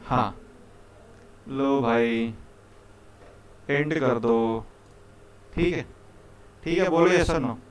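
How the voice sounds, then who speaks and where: A man's voice: medium pitch, drawn-out words, long pauses. A man teaching a live programming class to students in a casual, chatty way, often checking in with them and calling them brother. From India. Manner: casual, repeats "ठीक है" and "भाई", coaxing students.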